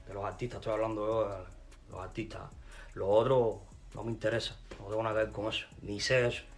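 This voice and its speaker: Soft music plays behind a fairly low, level-toned male voice speaking a little fast. He is a Cuban-accented musician from Cuba, delivering a repetitive, cursing, heated rant at someone straight to camera.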